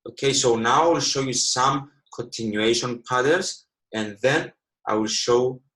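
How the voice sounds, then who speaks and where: This man from Cyprus, in his twenties with Greek as his first language, teaches trading in a live online session over a rough-sounding video call. His medium-pitched voice is unhurried and fairly bright. He repeatedly says "okay" and speaks slightly broken English.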